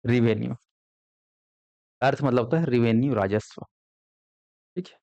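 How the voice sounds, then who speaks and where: A man's voice: mid-range voice, a little slow, gravelly, warm tone, no room sound. A man teaching an exam coaching class, constantly asking his students questions and answering them himself. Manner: quizzes students with frequent call-and-response questions. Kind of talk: classroom lecture.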